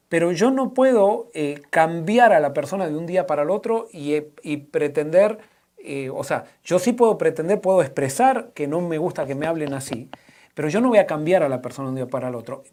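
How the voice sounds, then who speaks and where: A male pastor, answering a question in a conversational sermon, often pausing and restarting as he works through everyday examples. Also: on the high side, a little mellow. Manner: halting, with many restarts and fillers, giving everyday examples.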